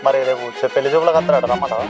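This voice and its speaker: Guy doing a scolding village elder, talks super fast, faint music under. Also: mid-range voice, fairly even intonation, lo-fi sound, lightly acted. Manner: scolding, lecturing. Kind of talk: village drama acting.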